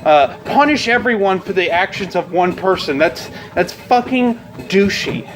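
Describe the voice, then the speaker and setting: A man's voice: sits high, expressive, unhurried, low-quality recording. A man talking in a casual rant vlog, venting with frustration and frequent swearing. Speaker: vlogger.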